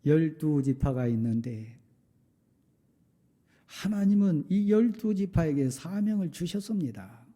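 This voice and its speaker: A middle-aged man preaching from the pulpit, his slightly high voice carrying a very dark, mellow color. He presses rhetorical questions with force, then softens into quiet confession. It is a pastor's sermon delivery throughout. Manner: emphatic preaching with rhetorical questions, dropping to soft confessional tones. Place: church sanctuary.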